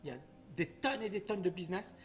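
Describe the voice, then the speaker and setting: A man's voice: high-pitched, fast. A man hosting a live teaching stream, quizzing his viewers and explaining things in plain terms. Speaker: investment educator, host.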